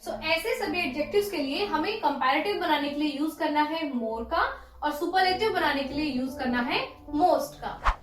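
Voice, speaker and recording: A woman teaching English grammar in a lesson, slowly spelling out word forms one by one. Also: sits high, echoey room, low-quality recording. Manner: slow, deliberate dictation of word forms.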